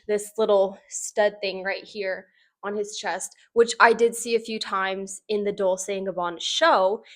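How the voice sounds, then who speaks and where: A woman giving casual, opinionated fashion commentary in an informal, conversational way, peppering her sentences with "like". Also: medium pitch. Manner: informal, conversational, frequent "like" as emphasis.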